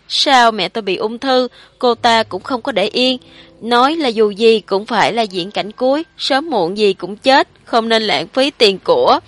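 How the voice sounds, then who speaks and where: A woman's voice: fairly high pitch, a bit bright, no room sound, lightly acted. A woman voicing a frightened, guilt-ridden middle-aged man, confessing in a tearful, pleading way for a spoken horror story.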